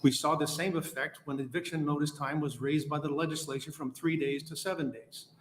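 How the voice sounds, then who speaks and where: A man's voice: a little high, steady tone, brisk. A man giving prepared testimony as a landlord at a public hearing, firm and reading from a statement.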